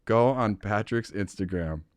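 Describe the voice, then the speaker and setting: A man hosting a podcast in casual chat, an animated storyteller who swears and laughs often. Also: fairly low pitch, measured pace, no echo. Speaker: podcast host.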